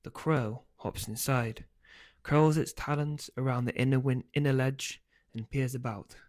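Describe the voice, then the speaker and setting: A man, the book's author, reading his first chapter aloud in a steady storytelling voice. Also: medium pitch, unhurried. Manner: steady storytelling, loose and hesitant when speaking offhand.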